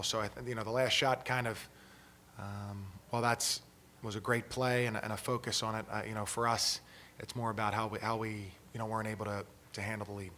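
A man in his thirties, a head coach answering questions at a postgame press conference, talking in halting phrases with many restarts, into a table mic in a press room. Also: on the low side, sharp tone, slight background noise.

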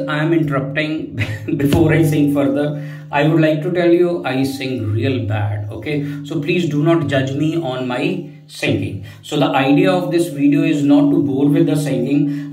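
A man with a North Indian accent talks casually through a gadget demonstration, often checking in with "okay". His voice sits slightly high, picked up from a distance in a roomy space, with music behind him. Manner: repeats phrases, tags sentences with "okay". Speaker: tech vlogger. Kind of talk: casual product demonstration to camera. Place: indoor room at home. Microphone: wireless lavalier, partly heard through a speaker.

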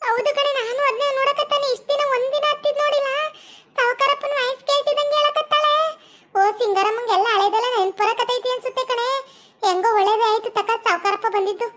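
A woman voicing a fretful, gossipy young village woman, talking in an excited, stammering way. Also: extremely high pitch, fast talker, voice pushed up. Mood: relieved.

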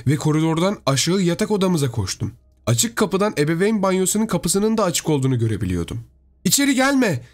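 A man narrating a horror story in a steady, storytelling delivery. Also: fairly high pitch, quick pace, few pauses.

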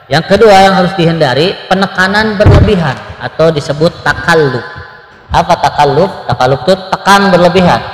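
A man teaching Quran recitation online, gently correcting students and chanting short examples. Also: a little high, roomy sound, long reverb tail, low-quality recording. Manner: chanting examples slowly between plain explanations. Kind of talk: online tajweed lesson.

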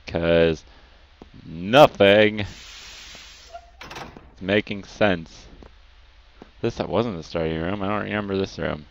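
A man's voice: deep voice, slow pace, gravelly, long pauses. A young man giving casual, nervous commentary as a scared horror game streamer, muttering to himself. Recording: dull lo-fi mic, light background noise.

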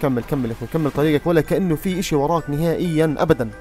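A young man talks through his gameplay at a rapid clip, often breaking into excited exclamations. His voice sits a little high. Game music plays quietly behind him. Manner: excitable, yells and exclaims at surprises. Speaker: gaming youtuber. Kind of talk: live gameplay commentary.

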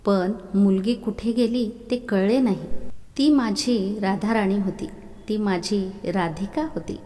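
A woman voicing a young male devotee who calls out loudly and pleads in longing, recorded with a long reverb. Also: mid-range voice, slow pace, close to an everyday voice. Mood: pleading.

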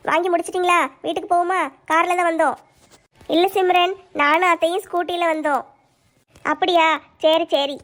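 A woman's voice: extremely high pitch, steady tone, brisk, a bit bright. A woman playing an emotional daughter-in-law in a family skit. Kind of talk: family comedy skit acting.

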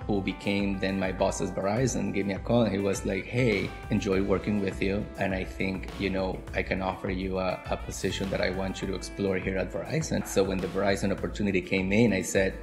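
A man in his forties from Ecuador, with an Ecuadorian Spanish accent, talking in a relaxed, reflective way in an interview to camera at home, often restarting his phrases. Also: low-pitched, fairly quick, gravelly, few pauses. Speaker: marketing director. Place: home room by a window. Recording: guitar music underneath.

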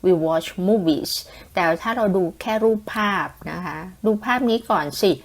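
A woman with a Thai accent, explaining English vocabulary in Thai as a podcast host, in a slow, patient way with frequent polite particles and spelled-out words. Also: mid-range voice.

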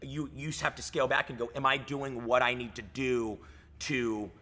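A man's voice: medium pitch, fairly even intonation, normal speed, sharp tone. A man in his thirties, a fitness coach talking in a casual podcast chat, hyped and swearing, saying "dude" and "like" a lot, recorded in a gym lounge. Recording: reverberant gym room.

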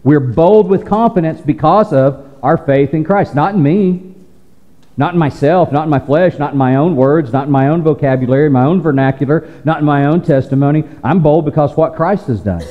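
A high-voiced man delivers a sermon in a conversational, teasing style, often restarting his sentences. His voice carries a long church reverb, and the recording sounds dull and lo-fi. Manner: conversational preaching, teasing asides, quick restarts. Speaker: pastor. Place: church sanctuary.

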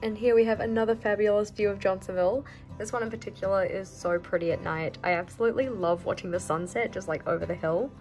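With soft music faintly in the background, a young New Zealand vlogger shows off her house room by room, chatting casually and adding wry asides. Her mid-range voice is a little mellow, with fairly even intonation and a quick pace, picked up by a phone held at arm's length.

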